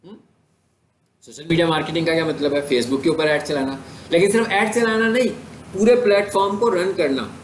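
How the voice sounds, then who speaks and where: A man's voice: on the high side, fairly even intonation, a little fast. A man with a Pakistani accent lecturing a class on digital marketing, asking questions and answering them himself as he explains step by step. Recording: echoey room, faint background hiss.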